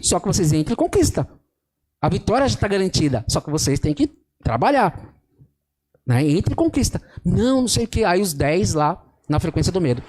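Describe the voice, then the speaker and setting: A man's voice: high-pitched, darkish tone. Brazilian guy giving a church talk, super casual slangy way of talking, keeps asking questions and doing little voices for people he quotes. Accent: Brazilian Portuguese. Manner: colloquial, asks rhetorical questions, acts out quoted voices. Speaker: symposium speaker.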